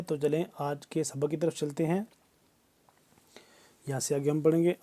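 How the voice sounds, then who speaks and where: A man teaching Quran recitation with tajweed, explaining each pronunciation rule in quick, instructive steps. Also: fairly high pitch, warm tone. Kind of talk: step-by-step tajweed lesson.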